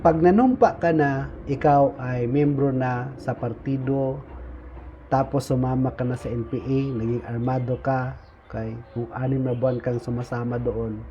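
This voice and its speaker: A man explaining levels of membership in an informal talk, pausing often on fillers and tagging lines with "no?". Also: mid-range voice, steady tone, dark tone. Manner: frequent "no?" tag questions, halting with fillers. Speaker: speaker explaining insurgent recruitment levels. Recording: dull lo-fi recording with faint noise.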